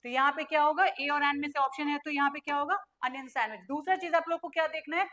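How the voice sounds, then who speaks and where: A young female teacher with a high, bright voice runs an online grammar lesson. She fires questions at her students and answers them herself, and she draws letters out one at a time as she spells. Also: fairly even intonation, fast.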